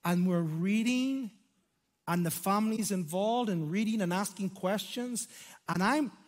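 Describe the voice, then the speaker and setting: A man in his fifties from Ireland with an Irish accent, preaching a sermon on a church stage through a headset mic, animated, with slow, dramatic emphasis on key words. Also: high voice. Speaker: pastor. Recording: long hall reverb.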